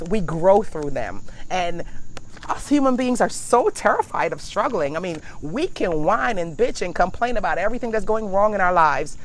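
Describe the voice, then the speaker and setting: A woman's voice: lowish voice, slight background noise. A middle-aged woman hosting a casual motivational chat outdoors in a backyard, talking in a blunt, emphatic, preachy way. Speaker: livestream host.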